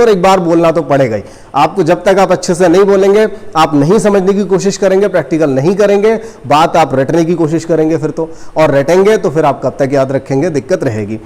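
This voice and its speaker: A man teaching a coaching class, explaining step by step and slowly repeating sounds for students. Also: sits high, a little mellow. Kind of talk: classroom lecture. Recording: long reverb.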